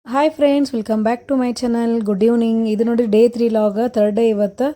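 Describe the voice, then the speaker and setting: A woman's voice: a little high, measured pace, warm tone. A woman vlogger with a North Karnataka Kannada accent, narrating casually to her viewers at a neighbourhood festival. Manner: chatty, keeps saying "nodri" to viewers.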